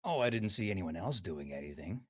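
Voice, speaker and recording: Deep-voiced wry tabletop player. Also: male voice, big pitch swings, a little fast, breathy edge. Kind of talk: casual tabletop play.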